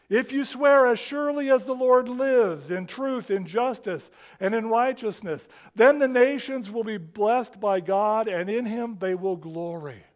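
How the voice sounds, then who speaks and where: A man preaching a sermon, with quick rhetorical questions and humorous asides, dropping to a hush on key words. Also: sits high. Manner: rises and falls for emphasis, drops to a hush on key words. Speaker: pastor.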